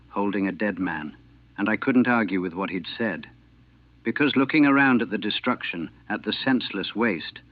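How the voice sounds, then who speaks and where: A man, a former army chaplain from the United States, recalling the war in a grave, measured and haunted way, heard on an old archival recording. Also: on the low side. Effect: old archival recording, narrow and tinny. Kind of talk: solemn first-person recollection. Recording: tinny, dry, lo-fi old recording.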